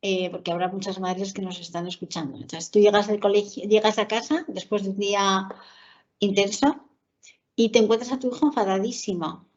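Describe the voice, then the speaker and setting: A woman's voice: mid-range voice, steady tone, a little fast, darkish tone. A woman with a Spain Spanish accent, a teacher and mother moderating a webinar, working her way through a question with restarts. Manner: thinking aloud with restarts. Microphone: video call. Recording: dull video-call audio.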